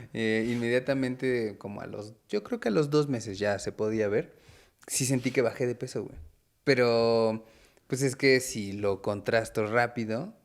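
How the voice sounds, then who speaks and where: A man's voice: fairly low pitch, vocal fry. A young man with a Mexican accent, co-hosting a podcast, joking and telling personal stories in a slangy way. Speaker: podcast co-host. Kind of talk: casual podcast chat.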